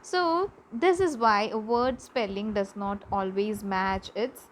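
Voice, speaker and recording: A woman teaching a class, slowly repeating words for pronunciation practice. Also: medium pitch, poor audio. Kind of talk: classroom lesson. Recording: faint background noise.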